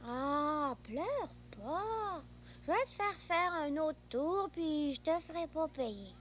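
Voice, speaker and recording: A woman with a high voice and lively intonation plays a playful young boy who has an imaginary friend, in a children's TV acting role. She speaks slowly with a Québécois French accent, chatty and bossy, making engine noises, with slight background noise behind her.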